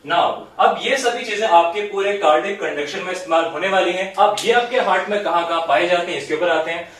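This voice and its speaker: A man with a high, slightly bright voice talks a little fast as he teaches biology at a whiteboard, explaining step by step. He keeps checking in with the class, often saying "theek hai", and mixes English terms into his speech; the room is very echoey and the mic distant.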